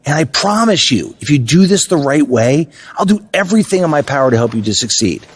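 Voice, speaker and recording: In a video game cutscene, a man plays a veteran basketball coach who is stern and frank, blunt and firm but still supportive, speaking in a measured way. His voice runs on the high side, sing-song and slightly rough.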